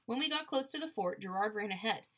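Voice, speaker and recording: A woman narrating an audiobook chapter in a lively storytelling way. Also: medium pitch, quick pace. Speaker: audiobook reader.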